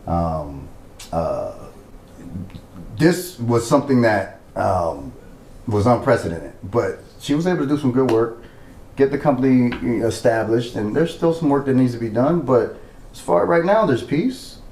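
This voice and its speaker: A man's voice: medium pitch, lively intonation, a little slow, darkish tone. A man from Liberia talking conversationally as a podcast guest, telling his family and country's story. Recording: echoey room, faint background noise.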